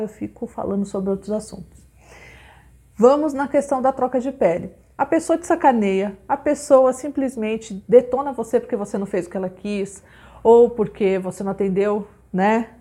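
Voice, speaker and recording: Woman, spiritual teacher, informal lecture, breathy-husky tone, frequent tag questions. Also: fairly high pitch, a little mellow. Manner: peppers speech with "né?" and "tá?" tag questions. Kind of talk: conversational teaching monologue.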